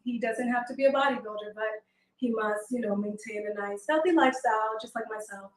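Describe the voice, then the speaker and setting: A woman in her twenties from Haiti, a guest on a call-in show, speaking softly and hesitantly with many fillers. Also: on the high side, a little fast, reverberant, far from the mic, rough recording. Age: 20s. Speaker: show guest seeking a partner. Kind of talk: casual call-in chat.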